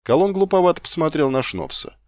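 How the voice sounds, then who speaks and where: A male audiobook narrator with a mid-pitched voice that rises and falls lively through the prose. The reading is measured and expressive, with dry, close sound. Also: no echo. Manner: measured storytelling.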